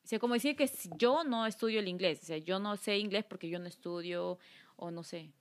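A woman's voice: mid-range voice, brisk, clean tone. Guest: young woman from Guatemala, casual storyteller who acts out dialogue. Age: young adult. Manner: animated, acts out quoted dialogue. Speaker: podcast guest.

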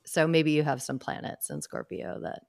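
A woman co-hosting a podcast, chatting in a playful, animated, curious way. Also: low-pitched, normal speed, creaky, no room sound, studio quality. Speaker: podcast co-host. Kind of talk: casual podcast chat.

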